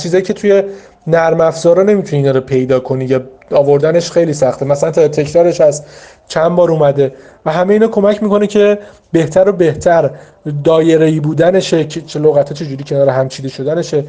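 Male tutor, fairly high and mellow voice, informal and patient, repeats key points, speaks straight to students. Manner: patient, repetitive, explains step by step with many asides; addresses students directly and encouragingly. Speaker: vocabulary teacher. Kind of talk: informal spoken study advice to learners.

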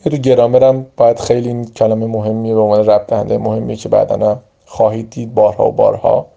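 A man's voice: on the low side, level tone, vocal fry, warm tone, lo-fi sound. A man teaching English vocabulary, giving each word and its meaning and stressing how to pronounce it. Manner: explains word by word, stressing pronunciation. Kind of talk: vocabulary lesson.

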